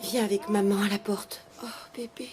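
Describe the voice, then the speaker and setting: A woman's voice: medium pitch, steady tone, normal speed, loud music behind the voice, lightly acted. An actress dubbing a distraught young mother who pleads with and soothes her baby in a telenovela. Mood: tender, tearful. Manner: pleading, tender. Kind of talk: dubbed telenovela acting.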